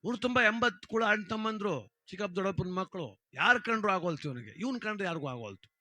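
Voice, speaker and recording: A man telling a humorous folk tale in a lively, dramatic, conversational manner. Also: sits high, brisk. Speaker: storyteller.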